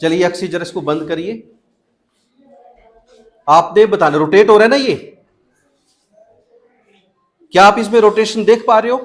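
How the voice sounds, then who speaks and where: With long pauses, an unhurried pace, and fairly even intonation, a young man's high voice guides children through a math lesson in Hindi and English. He repeatedly questions the class, coaxing them to respond.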